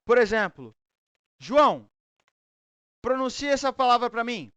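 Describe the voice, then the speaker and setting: A man's voice: very high-pitched, very animated, unhurried, pushed and bright, clean tone, no room sound. A man teaching English online, with a Brazilian Portuguese accent, giving encouraging feedback and explaining pronunciation rules in Portuguese and English.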